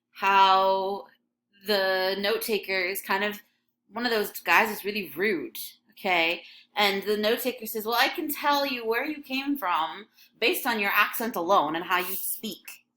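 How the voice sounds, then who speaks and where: Speaking a bit slowly, this young Michigan woman has a medium-pitched voice that comes across pushed and bright, with slight noise in the background. She teaches English in a loose, conversational way full of likes and ums, her Michigan accent just slight. What you hear is a classroom lesson recorded over a scrolling text.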